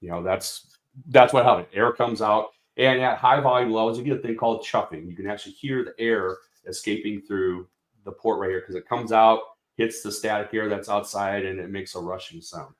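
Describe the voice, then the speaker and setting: Speaking for a product company, a man walks through speaker design in a casual technical explanation full of fillers and restarts. His voice is lowish and moderately paced, recorded in an echoey room.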